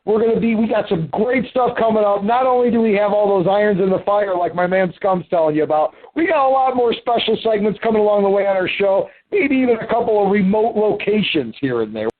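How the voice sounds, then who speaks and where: A man hosting a wrestling podcast, chatting casually and pitching the show in an upbeat promo style. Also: brisk, hardly any pauses. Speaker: podcast host. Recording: tinny phone-line audio.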